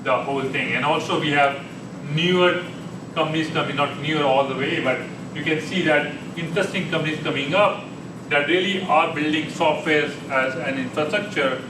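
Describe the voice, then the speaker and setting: A man presents on tech at a meetup in a conversational style, frequently beginning his sentences again as a conference speaker in a meeting room. His voice is a little high at normal speed, and the distant mic picks up room echo and an air conditioning hum.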